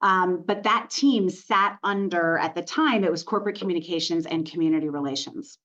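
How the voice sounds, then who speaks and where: A woman's voice: lowish voice, moderate pace, a bit bright, muffled recording. A woman from Montreal, Canada, a corporate communications executive, telling her story as a podcast guest with frequent "you know" fillers. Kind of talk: podcast interview.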